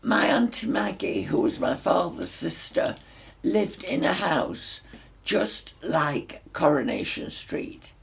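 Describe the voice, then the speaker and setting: Very old, creaky Northern English woman. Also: deep voice, big pitch swings, slow pace. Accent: mixed Northern English, Lancashire. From Salford, north of England. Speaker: interview guest. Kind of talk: reminiscing life story in conversation.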